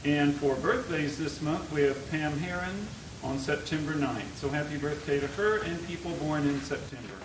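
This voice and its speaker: A man's voice: on the high side, normal speed, hardly any pauses. Man leading a church service. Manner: plain, explanatory, leads the congregation. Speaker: worship leader. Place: church sanctuary. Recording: echoey sanctuary, far mic, noisy.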